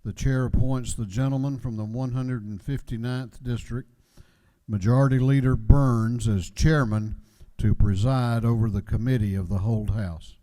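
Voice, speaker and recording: A man speaking as the presiding chair of a legislative House, in a measured, official manner with formal procedural phrasing. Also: medium pitch, fairly even intonation, mellow, long reverb tail, poor audio. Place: legislative chamber.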